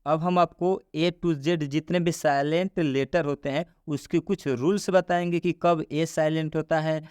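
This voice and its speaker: Male tutor, fairly high voice, drills and questions the class. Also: a little mellow, clear, resonant tone, no echo, studio quality. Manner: repeats rules and quizzes the listener. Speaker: English pronunciation teacher. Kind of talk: classroom-style explanation.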